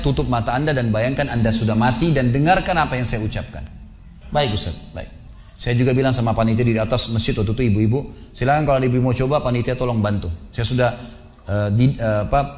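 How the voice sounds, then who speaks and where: A man preaching a sermon in a mosque, telling a story with quick, emphatic delivery. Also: mid-range voice, slight background noise.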